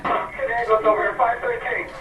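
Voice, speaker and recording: A man's voice: very high-pitched, fast, over music. A man, a police officer, heard over a police radio, making terse calls to dispatch. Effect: police radio transmission. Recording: muffled, distant, echoey radio audio with steady hiss.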